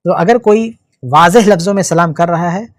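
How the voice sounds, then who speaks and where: A man preaching and answering a religious question, retelling a tradition with lively, animated quotes. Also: high-pitched, no room sound, studio quality. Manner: animated storytelling, quotes with changing tone. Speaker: Islamic preacher.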